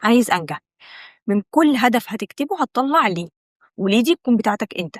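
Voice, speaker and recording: Young Egyptian woman coaching the viewer, rapid-fire and earnest, recorded close and dry. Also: a little high, lively intonation, dry recording. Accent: Egyptian Arabic. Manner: earnest, coaxing, addresses the viewer directly. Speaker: self-development host. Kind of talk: direct-to-camera talk.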